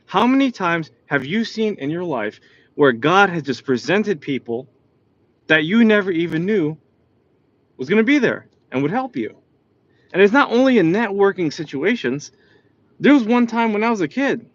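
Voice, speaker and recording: A man from New York with a New York accent, giving a motivational talk full of personal stories and often asking "right?". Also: a little high. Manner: animated, repeats "right?". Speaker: motivational speaker. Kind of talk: motivational storytelling. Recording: dull lo-fi sound.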